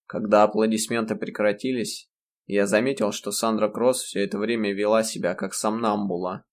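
A man narrating a novel in the first person, reading in a measured, even storytelling voice. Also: lowish voice. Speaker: audiobook narrator.

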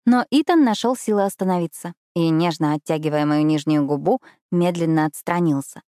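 Expressive female audiobook narrator. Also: low-pitched, brisk, no echo, studio quality. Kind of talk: first-person audiobook narration.

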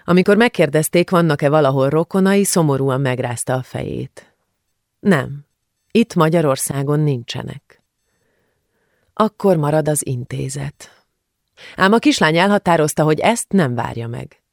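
Woman narrator, audiobook, calm and measured, dry close studio sound. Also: sits low, no echo. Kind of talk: scripted narration.

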